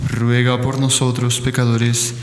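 A man with an Ecuadorian accent giving slow, even responses to a recited rosary in a chapel. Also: medium pitch, slight background noise. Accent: Ecuadorian Spanish. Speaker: prayer respondent. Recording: roomy, echoey chapel, long reverb.

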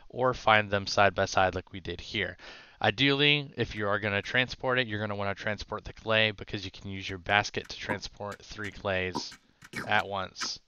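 A man with a somewhat low but bright, forceful voice walks through a game tutorial in a relaxed, chatty way. He pauses on filler uhs and corrects himself as he goes. Soft music plays faintly behind him. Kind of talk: casual game tutorial narration.

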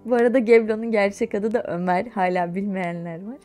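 Faint music plays behind this young woman as she vlogs, her mid-range voice moving fairly quickly. She's a YouTuber in her young adult years, chatty and animated, laughing as she shares a personal story.

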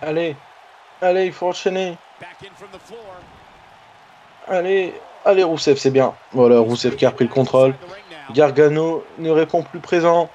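A higher-pitched man calls a wrestling video game match in an excitable, cheering way, repeating his exclamations. His voice sounds a bit dull and lo-fi. The talk is casual and lively. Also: moderate pace.

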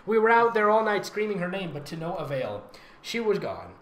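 Reading fan fiction aloud for laughs, a male host and voice actor speaks with a high-sitting, fairly bright voice that's very animated and a little fast. His delivery is theatrical and giggly, full of sarcastic mockery. Roomy echo and slight background noise color the audio.

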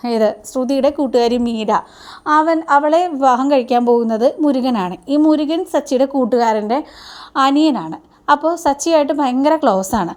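Chatty serial-recap host, a woman with a high voice, telling the plot like gossip to a friend. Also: darkish tone. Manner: chatty, addresses listener with tag words. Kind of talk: casual episode retelling.

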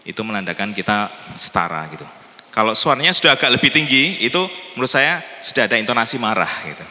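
A man's voice: medium pitch, animated, fast, bright, forceful tone. A man leading a church seminar in a chatty way, turning to the audience with questions. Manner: chatty, mimics voices, asks the audience. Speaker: church event moderator. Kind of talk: casual church seminar talk. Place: church hall. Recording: long hall reverb with faint music.

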